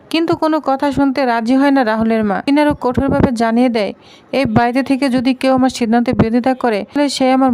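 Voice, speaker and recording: A woman's voice: sits high, darkish tone, rough recording. A woman narrating a recap of a family drama serial, reading every character's lines in her own voice. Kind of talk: storytelling recap with quoted dialogue.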